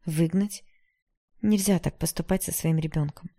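A woman voicing a forgiving middle-aged mother who speaks softly and tiredly in an audiobook. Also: deep voice, moderate pace. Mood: weary. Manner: soft, tired, soothing.

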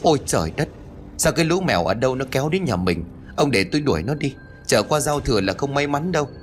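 A man's voice: fairly low pitch, brisk, soft background music, natural voice. A man voicing an anxious elderly village wife who talks in a fretful, pleading way. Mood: worried.

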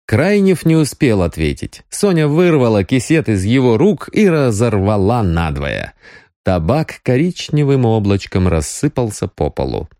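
A man narrating an audiobook with expressive storytelling. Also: lowish voice, a little slow, no echo, clean studio sound.

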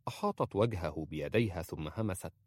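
A man narrating a romance story in a measured storytelling manner. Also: sits low, animated, a little mellow, dry recording, studio quality.

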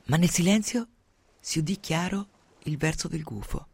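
A man reading a novel aloud in a dramatic, expressive way, sinking to hushed tones at tense moments, into a close studio microphone. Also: fairly high pitch, normal speed, gravelly, slightly rough. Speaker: reader. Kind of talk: dramatic audiobook narration.

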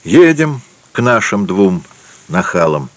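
A man voicing a bold, joking young male adventurer who stays calm and takes the lead. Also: lowish voice, takes it slowly, dry recording. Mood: jokey. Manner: jokey, decisive, calm under danger.

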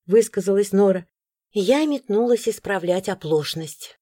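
A woman narrating a first-person audiobook in an expressive storytelling manner. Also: mid-range voice, unhurried, no echo.

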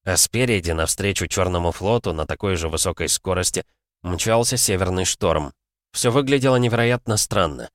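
A man's voice: deep voice, moderate pace, no echo, studio quality. A man narrating a fantasy audiobook in a dramatic storytelling manner.

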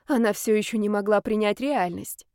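A woman reading an audiobook in a steady narrating voice. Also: medium pitch, moderate pace, no echo, studio quality. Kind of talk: scripted narration.

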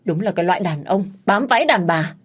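A woman voicing a sharp-tongued young wife who curses in a shrill, sour voice. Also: expressive, a little fast, slightly rough. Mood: furious scolding. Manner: scolding, cursing loudly.

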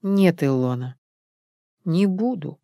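A woman reading an older female cook who speaks quietly and plaintively but holds firm. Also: fairly low pitch, animated, slow pace, no room sound, studio quality.

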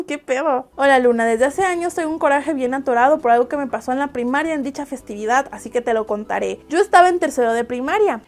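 A young woman with a Mexican accent reads viewer stories aloud and comments on them in a lively, casual way, laughing and exclaiming often. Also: high-pitched. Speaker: host reading viewer stories.

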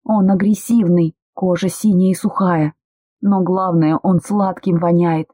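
A reader voicing a frightened, stubborn young woman medic in shrill, excited outbursts. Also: moderate pace, breathy edge, dry recording, clean studio sound. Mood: frantic. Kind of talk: audiobook character voice.

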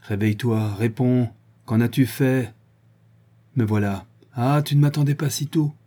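A man's voice: mid-range voice, steady tone, unhurried, warm tone, natural voice. A man playing a wounded, jealous young soldier who hurls bitter accusations and curses. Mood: raging. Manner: accusing, cursing outbursts.

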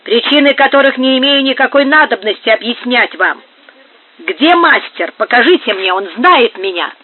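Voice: mid-range voice, animated, normal speed, close to an everyday voice. The reader voicing a huge male visitor who speaks insistently and secretively, in an audiobook. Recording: narrow phone-like sound.

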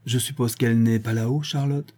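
A man voicing a carefree young gentleman who talks in a light, nonchalant, mock-polite way. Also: mid-range voice, fairly even intonation, fairly quick, lightly acted.

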